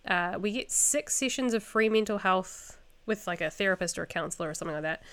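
Smooth-voiced New woman co-host. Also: mid-range voice, lively intonation, fast, fairly bright tone. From New Zealand. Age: young adult. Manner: laughs often, candid and chatty. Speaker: podcast co-host. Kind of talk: casual chat.

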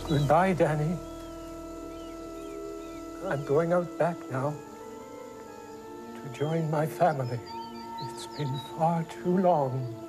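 Music swells under a frail old sea captain from a TV drama. He speaks very slowly and rather high, sounding haunted, apologetic and full of sorrow. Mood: mournful. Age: older. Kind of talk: television drama acting.

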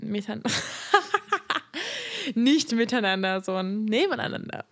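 A woman hosting a casual podcast, chatty and relaxed, giving advice and laughing often. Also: fairly high pitch, slow. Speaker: podcast host.

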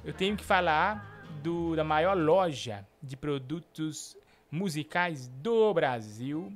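A man's voice: fairly high pitch, slow pace, faint music behind. A man hosting a live comedy show, joking around and doing hyped-up ad reads. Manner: jokey, animated hype-man ad reads.

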